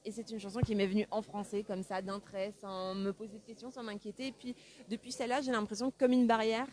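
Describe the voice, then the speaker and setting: Speaking fast in a level, medium-pitched voice, a woman raised in France talks through interview questions. She's a singer and songwriter, thoughtful, warm and easygoing, and she laughs readily.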